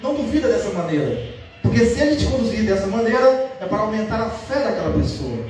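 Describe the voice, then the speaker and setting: A male pastor preaching a sermon, animated, acting out the people in the story in a raised, excited voice. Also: sits high, fast talker. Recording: echoey church hall heard from far off.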